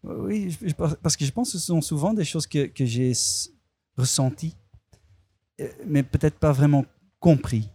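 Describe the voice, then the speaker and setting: Speaking a non-native language (his first language isn't French), a male filmmaker struggles through interview answers, often restarting and searching for words. His voice is a little high, somewhat slow, dark and slightly rough, in a dry recording.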